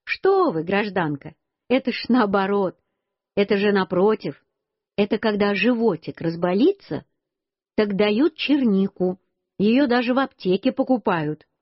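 A woman's voice: medium pitch, expressive, measured pace, no room sound. A woman voicing a kindly grown uncle who teases and explains patiently, in a storybook reading. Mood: teasing. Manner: cheerful, teasing, explaining patiently. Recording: dull lo-fi dry recording.

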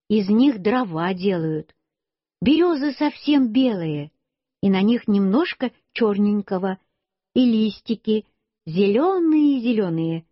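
A woman reading a children's story aloud, slow and expressive in a childlike storytelling manner. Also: medium pitch, breathy edge, no echo. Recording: dull lo-fi dry recording.

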